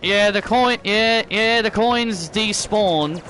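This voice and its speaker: A man's voice: sits high, slow pace, sharp tone, faint music behind. A man giving casual video game commentary, often repeating and rephrasing his own phrases. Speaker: gameplay commentator.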